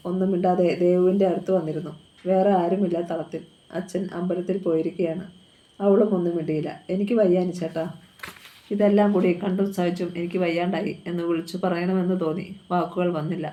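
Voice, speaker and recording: A woman reading a novel aloud at a steady, even pace. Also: on the low side. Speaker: novel reader.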